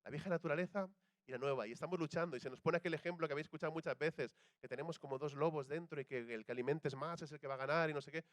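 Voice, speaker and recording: A young man from Spain rattles through a sermon very fast in a fairly high voice, chatting with the congregation, asking them questions, and imitating quoted voices in his Spanish accent. No room sound is present.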